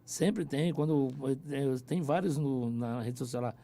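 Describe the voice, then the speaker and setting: A man's voice: mid-range voice, unhurried, warm tone. A Brazilian man with a São Paulo interior accent, a radio announcer chatting as a guest, talkative and hesitant, often repeating words. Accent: Brazilian Portuguese, São Paulo interior. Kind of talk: casual radio chat. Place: radio studio.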